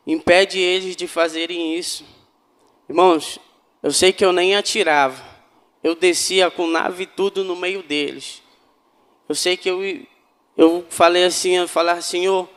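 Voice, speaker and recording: High-pitched guy telling his church vision, fervent, echoey hall. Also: fairly bright tone, clean tone. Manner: fervent, addresses listeners as brothers. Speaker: church member giving testimony. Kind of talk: emotional spiritual testimony.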